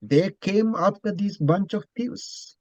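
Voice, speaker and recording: A man, a Buddhist monk teacher, telling a story in a dharma talk, speaking slowly and deliberately and repeating phrases. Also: sits high, darkish tone, no room sound, highs cut off.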